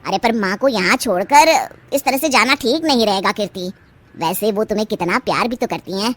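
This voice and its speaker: A woman's voice: medium pitch, fairly quick, fairly bright tone, a little hiss or hum, close to an everyday voice. A woman voicing a mild, easily swayed young son who speaks in a hesitant, placating way in a storybook tale. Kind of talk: storybook voice acting.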